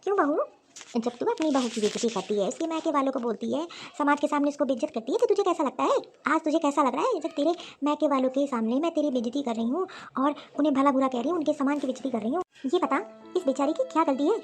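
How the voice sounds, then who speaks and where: A woman's voice: high voice, animated, fast talker. A woman voicing a stern, proud elderly grandmother-in-law in a cartoon story who scolds and lectures her family. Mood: lecturing.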